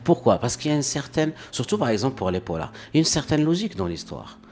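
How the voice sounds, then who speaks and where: A man's voice: medium pitch, very animated, fast talker, a little mellow. A man from Morocco, a guest in an interview, talking casually and often repeating words as he searches for phrasing.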